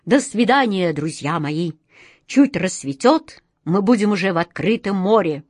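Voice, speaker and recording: A woman's voice: medium pitch, lively intonation, measured pace, darkish tone, no echo, studio quality. A woman voicing a decisive sea captain who brushes off omens with mild mockery, storybook style. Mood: dismissive. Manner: firm and dismissive. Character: calm, decisive, mocking sea captain man.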